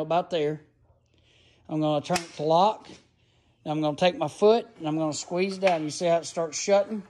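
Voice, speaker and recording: A chatty, excited DIY tool reviewer with a high-pitched voice rambles enthusiastically and folksily in a casual review filmed on his handheld phone. He starts outdoors in a gravel yard and then heads into a garage, with faint noise behind him.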